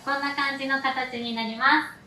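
A woman with a high voice guides a hairstyle step by step in an unhurried, gentle way. She sounds distant from the mic in an echoey room. Music plays clearly behind her. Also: flat delivery. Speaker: hair tutorial narrator. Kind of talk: calm step-by-step voice-over instruction.

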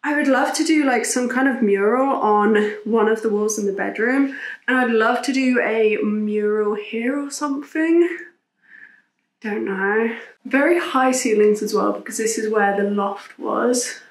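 A woman's voice: on the high side, a little slow. A woman in her twenties, vlogging casually to a handheld camera at arm's length in an empty small house, chatty and upbeat. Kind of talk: casual vlog narration. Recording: echoey empty rooms.

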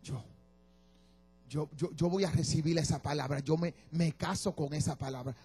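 A man's voice: fairly high pitch, steady tone, normal speed, mellow, husky, soft background music. A man preaching a sermon, exhorting his congregation and leading them in call-and-response.

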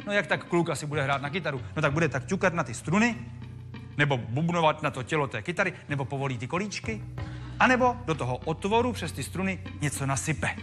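Animated man telling stories to an audience. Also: fairly high pitch. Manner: animated, jokey, acts out the characters. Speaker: speaker giving a talk. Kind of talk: lively storytelling talk to a live audience. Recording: music playing behind.

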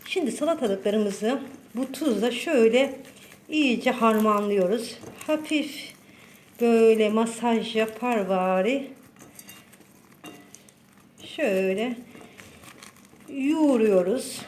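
A woman's voice: on the high side, takes it slowly, long pauses, darkish tone. A woman hosting a casual home cooking tutorial, chatting to her viewers as friends while she works. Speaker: cooking channel host. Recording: roomy echo, faint background noise.

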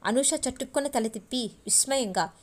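A woman narrating a novel as an audiobook, in steady, measured storytelling. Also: on the high side. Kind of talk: novel reading.

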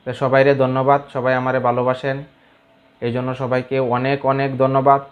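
A man from the Mymensingh region of Bangladesh vlogging in his local Bengali dialect, talking casually to camera with a rambling, halting delivery. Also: mid-range voice, monotone, lo-fi sound.

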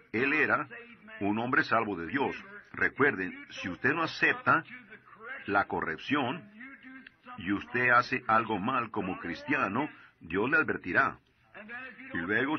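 Low-voiced man preaching on dull recording. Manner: storytelling preaching, slows for emphatic warnings. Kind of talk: sermon in Spanish voice-over.

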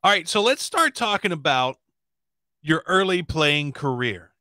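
A man's voice: a little high, sing-song, unhurried, bright, forceful tone, dry recording. A man in his forties hosting a casual sports interview in an upbeat, emphatic way, close on the microphone. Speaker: sports show host, interviewer. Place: indoors, streaming setup.

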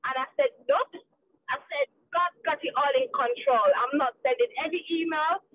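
A woman's voice: sits high, very animated, normal speed, a little hiss or hum. Woman on a tinny car speakerphone. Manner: emphatic, repeats words while searching for them. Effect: phone call from a car speakerphone. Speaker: caller on a prayer line. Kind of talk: testimony. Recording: tinny phone line, dry.

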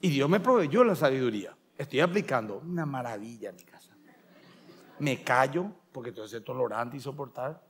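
A man's voice: mid-range voice, expressive, a little fast, husky. A middle-aged man with a Paraguayan Spanish accent, a pastor preaching a sermon and telling family stories while acting out the voices of relatives.

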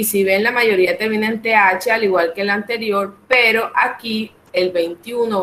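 A woman's voice: medium pitch, a bit bright, a little hiss or hum, poor audio. A woman teaching English numbers in an online class, explaining each step patiently and inviting her students to answer aloud over the call.

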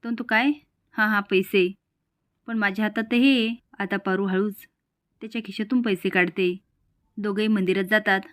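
A woman's voice: medium pitch, no echo, studio quality. Woman, storytelling recap of a TV serial, voices every character's lines in her own plain voice. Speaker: narrator recapping a TV serial episode. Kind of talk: storytelling recap with quoted dialogue.

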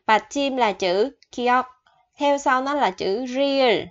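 A woman teaching a vocabulary lesson, repeating each word slowly and then explaining it in a chatty way. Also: high-pitched. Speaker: Korean language teacher. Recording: dull lo-fi recording.

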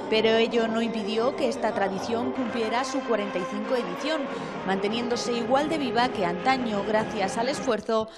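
A woman reading a scripted news report as a reporter. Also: fairly high pitch.

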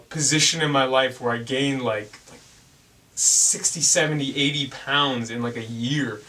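Earnest young man vlogging, bright voice. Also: medium pitch, distant mic. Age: young adult. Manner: rambling, earnest, many fillers and restarts. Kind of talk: casual reflective vlog.

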